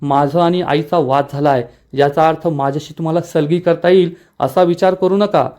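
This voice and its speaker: A man's voice: on the high side, steady tone, normal speed, darkish tone, natural voice. A man reading the lines of a hot-tempered young son who is defending his father. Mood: angry.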